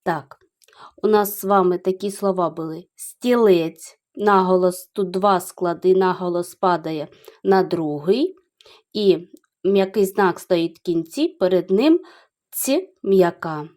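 A middle-aged woman teaching young children in a video lesson, explaining slowly and carefully, syllable by syllable. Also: lowish voice, a little mellow. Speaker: primary school teacher.

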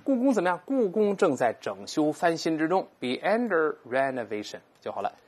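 An English teacher, giving a recorded vocabulary lesson and explaining patiently, repeating each English word slowly aloud for learners. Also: medium pitch, sing-song, darkish tone, husky.

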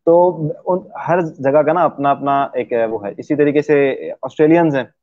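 A man from Pakistan, a guest in an interview, explaining things at length and pausing often on drawn-out fillers. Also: mid-range voice, a little mellow, no room sound. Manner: hesitant, many drawn-out fillers. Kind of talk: explanatory conversation. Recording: dry, tinny phone-like sound.

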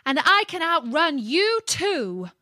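A woman's voice: sits high, very animated, slow pace, no echo, studio quality, pitched above the performer's own voice, heavily acted. A woman doing a bragging gingerbread man. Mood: boastful. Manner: bragging, shouted singsong. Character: boastful little gingerbread man runaway.

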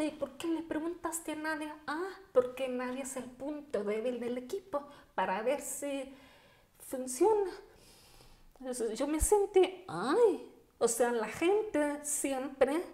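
A young woman, a podcast guest telling a personal story in a lively, casual way, full of fillers and quoted asides. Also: high-pitched. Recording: echoey room.

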